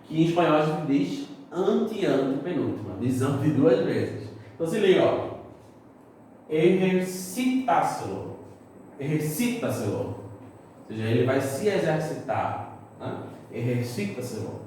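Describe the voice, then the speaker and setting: Brazilian teacher in an echoey room. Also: male voice, fairly high pitch, big pitch swings, normal speed, darkish tone, a little hiss or hum. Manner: explains step by step, checks in with the students. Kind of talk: recorded classroom lesson. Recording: echoey room, mic at a distance.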